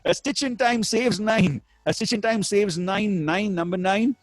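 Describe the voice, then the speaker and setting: Calling numbers for an online bingo game, this Indian-accented man rolls out rhymes in a flashy, repetitive sing-song patter. His voice sits high and moves at a measured pace, in a dry recording with soft music underneath.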